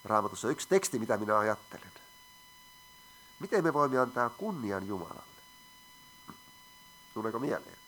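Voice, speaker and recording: Bright-voiced male preacher. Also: fairly low pitch, expressive, long pauses. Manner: asks the audience questions, reads scripture aloud. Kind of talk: sermon.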